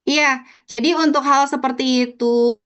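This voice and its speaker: A woman with a slightly high voice talks through a video call that keeps cutting out, the audio choppy and breaking up. She speaks as a lecturer in an online meeting and keeps asking whether her voice is getting through. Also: steady tone, unhurried, fairly bright tone, clean tone, lo-fi sound. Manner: checking whether she can be heard. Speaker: university lecturer. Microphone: computer mic on a video call.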